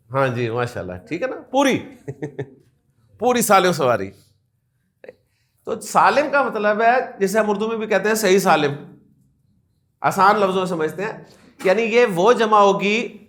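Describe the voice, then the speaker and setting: A man's voice: high-pitched, a bit bright. A man teaching a class, who keeps asking his students questions and repeating the key points. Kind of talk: classroom lecture.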